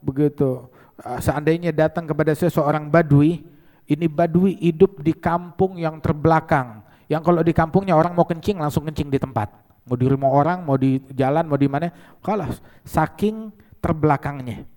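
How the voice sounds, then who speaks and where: A man delivers a sermon, his voice sitting slightly high. He tells stories with animated energy and drops in Arabic phrases. The sound carries a long reverb, as in a large hall. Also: normal speed. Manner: animated storyteller who acts out quoted voices, sprinkling Arabic phrases. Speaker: religious preacher. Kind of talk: sermon with storytelling.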